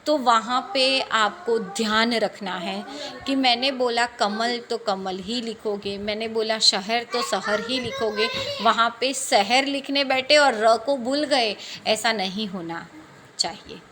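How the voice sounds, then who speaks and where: A woman teacher talks through a lesson at an unhurried, deliberate pace. Her voice sits a little high, and she spells words out letter by letter. She asks questions and then answers them herself. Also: background noise. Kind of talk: classroom lesson explanation.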